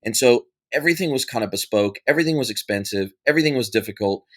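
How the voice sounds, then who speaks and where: An American man in his forties, a consultant appearing as a podcast guest, answers an interview question by telling a loose, informal story. He talks fast and with animation at a medium pitch, restarting often and leaning on fillers.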